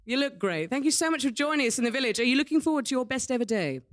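On a small theatre stage before an audience, a British woman hosts a live game show, ad-libbing playful, quirky asides in light stage presenting. Her high voice is lively and very fast, with slight background noise.

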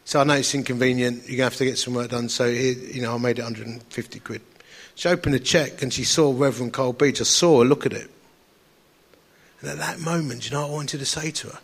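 A fast-talking man from Essex, England, preaches to an audience using personal anecdotes, his Essex accent clear as he tells them in a chatty, self-deprecating, wry fashion. His voice is medium-pitched, with fairly even intonation.

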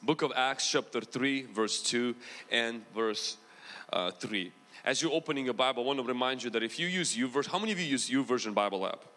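A man whose accent blends Ukrainian and American preaches a Pentecostal sermon in a large church, building intensity and calling the congregation into call-and-response. His mid-range voice is a little fast, pushed, and bright, echoing with long hall reverb.

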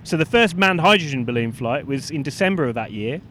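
A man's voice: on the high side, expressive, brisk, a bit bright. A British man co-hosting an informal podcast, telling history in a hesitant, self-correcting way. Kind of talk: informal explanatory chat. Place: walking outdoors in London. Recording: outdoor street with faint traffic noise.

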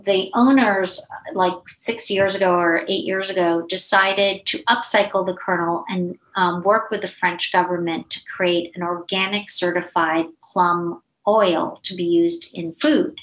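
Chatty middle-aged woman, roomy sound. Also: mid-range voice. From United States. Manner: animated, chatty, many fillers and asides. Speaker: beauty brand founder, podcast guest. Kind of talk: casual interview storytelling. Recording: roomy echo.

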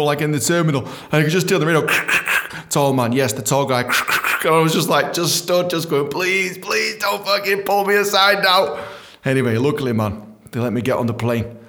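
Young man, stand-up storyteller, slightly high voice, animated, swears a lot. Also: gravelly. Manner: swears a lot, loose and animated, laughs at his own stories. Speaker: stand-up comedian. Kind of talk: comedic storytelling monologue.

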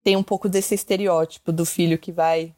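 A woman's voice: lowish voice, level tone, a little fast, a little mellow. A young woman, a podcast co-host, talking through her thoughts in casual chat with lots of fillers. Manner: thoughtful, talks through ideas with many fillers.

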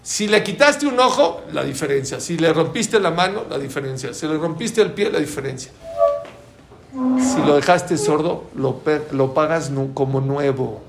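A man teaching a Talmud class to a live audience, lively and quizzing listeners with questions. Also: on the high side, moderate pace, creaky, a little hiss or hum. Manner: animated, asks the audience questions. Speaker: Torah teacher. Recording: roomy room with faint ambience.

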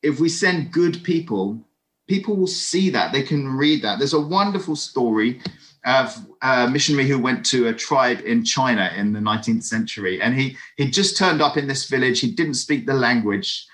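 A man giving a lively, conversational sermon over an online video call, with friendly asides to his listeners. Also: mid-range voice, normal speed. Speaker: preacher.

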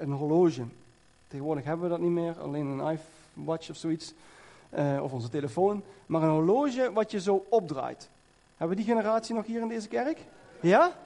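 Male preacher in a church, chatty storytelling sermon, lots of fillers, highish voice, mellow tone. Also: vocal fry. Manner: conversational storytelling with many fillers.

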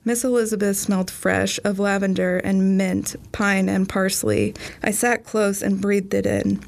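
A woman narrating a first-person story in a steady, measured reading. Her pitch barely moves, and a gravelly vocal fry runs through her voice.

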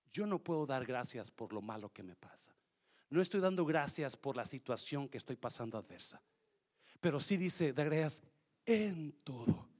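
A male pastor preaching a sermon, swinging from quiet storytelling to loud, urgent exhortation and questioning the congregation, sometimes switching into English. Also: on the high side. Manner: switches between Spanish and English mid-sermon.

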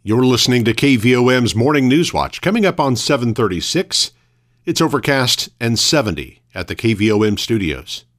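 Hosting local radio news, a man reads in a formal, measured way, like a scripted morning bulletin of announcements. His mid-pitched voice is very animated and a bit bright.

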